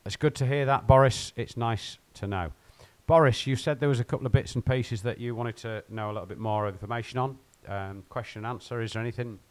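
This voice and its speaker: A man's voice: mid-range voice, fairly quick, hardly any pauses. A man rambling and joking with his viewers while he plays and streams from home. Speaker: game streamer. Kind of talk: casual live-stream chat.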